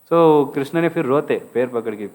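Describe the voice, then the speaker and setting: A man's voice: medium pitch, darkish tone. Man telling a devotional story. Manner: casual storytelling, acts out the figures' quoted lines; mixes English words into Hindi. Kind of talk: storytelling sermon.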